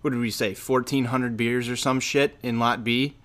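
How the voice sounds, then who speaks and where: A man's voice: medium pitch, fairly even intonation, normal speed, fairly bright tone. A man co-hosting a podcast, chatting casually and emphatically with swearing. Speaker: podcast co-host. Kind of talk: casual chat.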